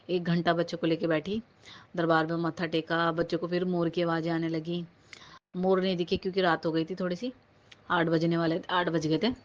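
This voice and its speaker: Woman telling a rambling devotional story. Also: fairly low pitch. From Uttar Pradesh, India. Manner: rambling, warm storytelling with many fillers and restarts. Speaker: devotee sharing a testimony. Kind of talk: personal devotional story told to a congregation. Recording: slightly dull home phone recording.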